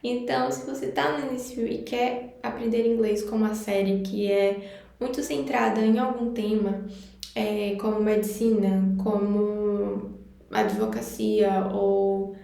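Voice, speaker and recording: A woman's voice: medium pitch, steady tone, unhurried, dark tone, heavy reverb. A woman from Brazil, an English teacher, giving a chatty, encouraging spoken lesson to camera. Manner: chatty, encouraging, repeats words and phrases.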